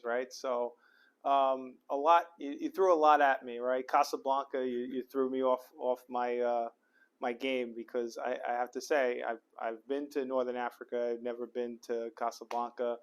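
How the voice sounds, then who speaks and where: A man's voice: mid-range voice, level tone, normal speed. A middle-aged man hosting a podcast from an office, chatty and upbeat, with lots of fillers and restarts. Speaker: podcast host. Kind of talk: casual interview chat. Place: office in the city.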